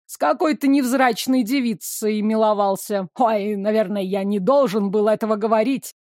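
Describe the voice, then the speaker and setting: A woman voicing a gossipy, self-satisfied young gentleman with a smug manner. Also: mid-range voice, moderate pace, no echo, studio quality, lightly acted.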